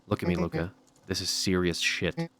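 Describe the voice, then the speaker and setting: Man voicing a blunt, low-voiced worried girl. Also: flat delivery, normal speed, music in the background, natural voice. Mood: tense, blunt. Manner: blunt, demanding.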